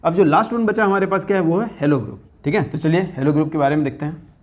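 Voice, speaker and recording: A male teacher with a slightly higher voice gives a chemistry lesson. He keeps asking his students questions and repeats the key terms slowly, with faint writing sounds behind him. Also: steady tone, a little mellow.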